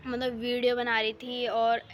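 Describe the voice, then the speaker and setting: A young woman talks into a handheld phone on her home rooftop, rambling through her day with plenty of fillers. Her voice sits a little high and her throat is a bit sore. Soft music plays faintly underneath. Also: monotone, a little slow. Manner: chatty, rambling, full of fillers. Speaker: vlogger. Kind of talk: casual daily vlog chat. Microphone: phone held in hand.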